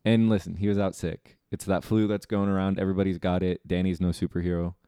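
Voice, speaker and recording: A young man co-hosting a casual podcast, running the segments like an announcer and dropping deadpan jokes. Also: low-pitched, quick pace, clean tone, no echo, studio quality. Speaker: podcast co-host.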